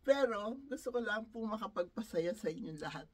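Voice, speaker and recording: A woman's voice: medium pitch, lively intonation, brisk, breathy edge, recorded from a distance. A woman from the Philippines speaks to her followers from a small home setup. Her talk is casual and heartfelt, broken often by laughter, and sometimes slips into short prayers. Her voice sits a bit off-mic. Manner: laughs often between phrases, emotional. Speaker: vlogger. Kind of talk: casual chatty vlog with spoken prayers.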